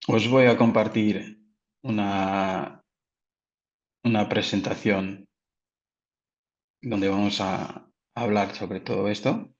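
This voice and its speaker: A Portuguese product manager, a native speaker with a Portuguese accent, carefully presents a technical webinar, often restarting his sentences. His voice is fairly low and steady, slow with long pauses, and the lo-fi audio sounds dull.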